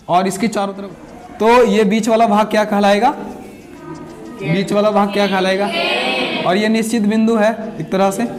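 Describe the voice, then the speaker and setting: High-voiced man teaching a math class. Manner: asks the class questions and answers them himself, repeats key terms; everyday village examples, dictates notes. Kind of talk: classroom lecture, explaining with questions.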